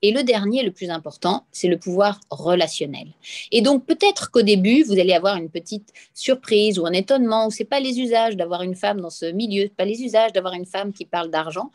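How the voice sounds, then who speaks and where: Woman negotiator giving a webinar, direct and lively, on a video call. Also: medium pitch, fairly quick. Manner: lively, direct, teaching with examples. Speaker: professional negotiator. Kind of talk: webinar talk.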